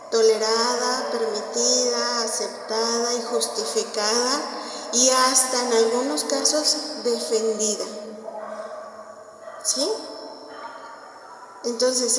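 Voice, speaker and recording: A woman with a Mexican accent gives an informal parish talk on family life, telling stories and often checking in with her listeners. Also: on the high side. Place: parish hall. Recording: very echoey hall, voice from far off, faint noise.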